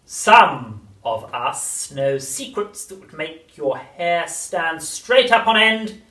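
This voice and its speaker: Brief: a wicked old granny, high and loud, slow, gloating, lively swoops, roomy distant sound. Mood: menacing. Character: nasty old grandmother, witchlike, gloating.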